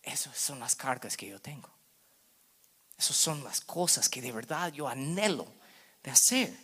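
A man in his thirties preaching a sermon as pastor, slipping English words into his Spanish and swinging between loud bursts and hushed asides. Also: medium pitch, expressive, a little slow, husky.

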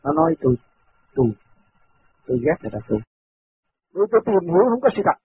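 An older man recounting a personal story in a lively, anecdotal way, acting out the dialogue. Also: sits high, fast. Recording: tinny phone-like radio audio with faint noise.

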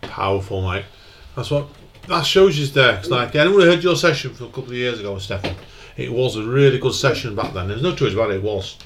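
A man's voice: medium pitch, animated, quick pace, a bit bright, a little hiss or hum. Chatty man hosting with eager praise. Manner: enthusiastic, informal praise. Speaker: host. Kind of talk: casual chat.

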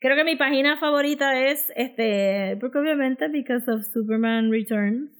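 A woman's voice: sits high, moderate pace. A woman with a Puerto Rican Spanish accent chatting casually as a comics podcast co-host, often slipping English words and phrases into her Spanish. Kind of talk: casual chat.

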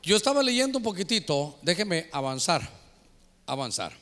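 A man preaching a sermon as pastor, animated and full of call-and-response, telling humorous stories. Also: high voice, normal speed, in a large hall. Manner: tells humorous anecdotes.

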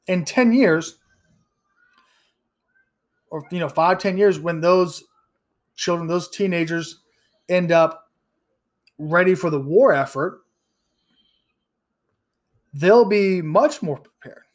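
A man's voice: sits high, takes it slowly, long pauses. A man in his thirties hosting a solo podcast, ranting bluntly and profanely with frequent restarts and stumbles. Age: 30s. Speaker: podcast host.

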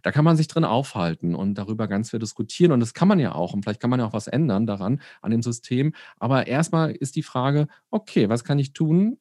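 A man talks as a podcast guest, explaining things at an even, mid-range pitch. The recording is dry and close. He now and then acts out the thoughts he is describing. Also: fast, hardly any pauses, no echo. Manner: explains calmly, acts out imagined inner voices. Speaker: guest, resilience expert. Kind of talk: conversational podcast interview.

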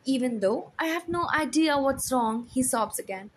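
A woman reading a first-person story aloud in a soft, hushed voice. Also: sits high, lively intonation, normal speed, slight background noise, poor audio. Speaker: narrator. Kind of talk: first-person audiobook narration.

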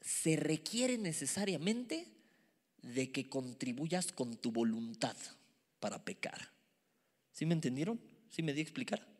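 A man delivers a sermon to young listeners, emphatic and lively, now and then sinking into a hushed whisper. His voice sits a little high, and it rings with the long reverb of a large hall. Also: unhurried. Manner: animated, emphatic, drops to a whisper for asides. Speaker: youth preacher.

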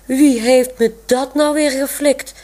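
A woman's voice: high-pitched, fairly even intonation, slow, a little mellow, pitched above the performer's own voice. A woman voicing a grumpy old man in a wheelchair in a storybook reading. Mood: upset.

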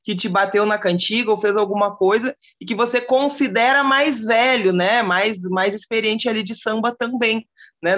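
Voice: medium pitch, fairly bright tone. A speaker in casual conversation, thinking aloud hesitantly with many tag questions.

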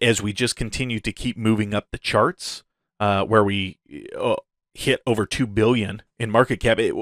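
Hyped and gushing like a crypto bro, this man chuckles his way through a casual crypto update as a video host. His medium-pitched voice is a bit bright, recorded at studio quality without echo.

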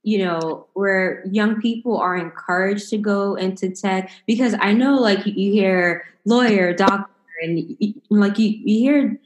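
Halting woman interviewer in an echoey room. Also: medium pitch. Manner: halting, many restarts and filler words. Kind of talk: interview conversation.

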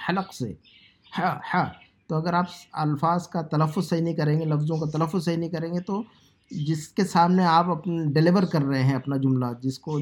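A man from South Asia teaching Arabic phrases, explaining in a conversational lesson and repeating words slowly to drill pronunciation. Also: a little high, darkish tone. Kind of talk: language lesson, Urdu explanation.

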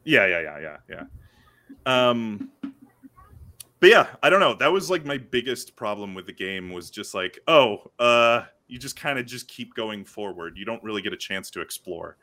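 A young man on a casual podcast, talking in halting bursts with frequent restarts. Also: on the low side, lively intonation, bright, forceful tone. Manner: halting, many restarts and nitpicks. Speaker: podcast co-host. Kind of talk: casual chat.

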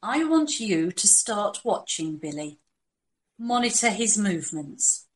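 Speaking in a mid-range voice, a woman portrays a doctor in charge of covert operations for a scripted audio drama. She keeps a calm, businesslike, serious tone throughout, measuring her words.

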